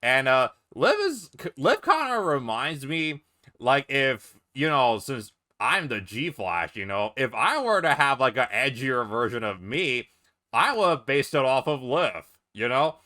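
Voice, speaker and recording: A man chats casually through unscripted fan commentary. His voice is bright and mid-pitched, and he rambles conversationally. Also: big pitch swings, a little slow. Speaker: guest contributor.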